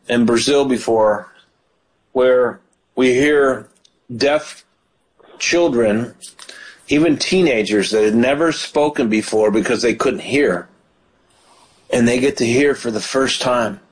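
A pastor with a medium-pitched, breathy voice speaks slowly with long pauses while hosting a call-in ministry show. He talks with callers and prays fervently, offering many hallelujahs. The recording is low quality.

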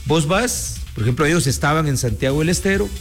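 A man from Guatemala, a sports show host, telling a story in a measured, casual way with many restarts. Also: a little high, animated, soft background music. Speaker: sports commentator. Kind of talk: casual talk show chat.

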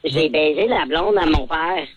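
Male caller, voice-modified over the phone, halting delivery. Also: a little high, husky. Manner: hesitant, halting confessions. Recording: heard over a phone line.

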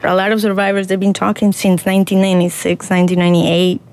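A woman's voice: mid-range voice, level tone, fast talker, a little mellow, poor audio. A woman speaking as an interview guest, giving a personal account with emphatic repetition.

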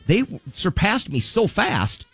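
A man's voice: sits high, wildly swooping pitch, measured pace, vocal fry, a bit bright, husky, no echo, faint music behind. A man in his fifties co-hosting a morning radio show, chatting casually, laughing easily and poking fun at himself. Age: 50s. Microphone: studio microphone.

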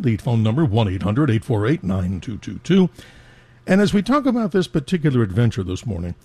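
A man's voice: mid-range voice, dark tone, breathy edge, no room sound. A man hosting a talk radio show with an effusive, promotional announcer delivery, speaking into a studio microphone. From New York metro area.

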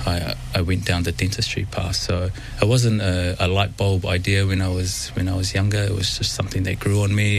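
A man with a New Zealand accent, a dentist speaking as a guest in a radio studio interview, thoughtful and halting with many pauses. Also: low voice, creaky, a little hiss or hum.

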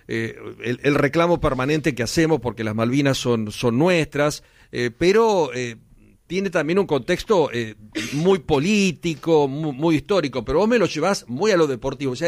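A man with an Argentine Spanish accent hosting a casual interview, chatty and quick to affirm with short interjections. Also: a little high, no echo, clean studio sound. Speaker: radio host.

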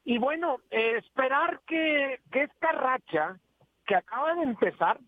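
Over a tinny phone line with faint hiss, a man calls into a sports radio show to earnestly share his football opinion, repeating words while he searches for them. His voice is very high and expressive, at a measured pace.

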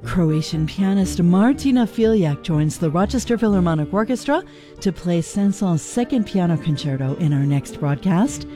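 A woman's voice: on the low side, expressive, normal speed, dark tone, soft background music. A woman radio host reading a broadcast promo in a full announcer delivery, with a dense radio sound.

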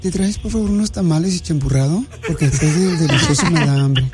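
A man's voice: on the high side, fast, darkish tone, soft background music, pitched below the performer's own voice, close to an everyday voice. A man putting on a sultry woman caller. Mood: teasing. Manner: sultry, teasing, crude jokes. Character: flirty sexy woman caller, brash and crude.

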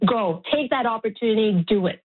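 A middle-aged woman from Montreal, Canada, calls in to a radio show, her fairly high voice brisk as she speaks frankly and emphatically off the cuff, repeating words for stress. It's spontaneous, opinionated phone-in talk, heard through a muffled, narrow-band phone line.

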